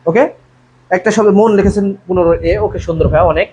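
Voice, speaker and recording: A man's voice: sits high, quick pace, a little mellow. A male admission tutor leading a live online class, reading out students' answers from the comments and asking the group to reply. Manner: calls students "bhaiya", reads out viewers' comment answers. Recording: dull lo-fi sound with faint noise.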